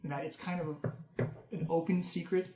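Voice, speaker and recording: A man's voice: fairly high pitch, fairly even intonation, dark tone. Brief: male game master narrating a tabletop game, stops and restarts often, roomy echo. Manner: halting, with many restarts and fillers.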